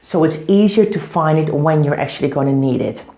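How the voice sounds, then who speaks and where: A woman's voice: low-pitched, a little fast, mellow. A woman hosting an instructional home organising vlog, giving tips to camera in an echoing bathroom. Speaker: home organising video host. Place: echoey bathroom, indoors. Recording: echoey bathroom room sound.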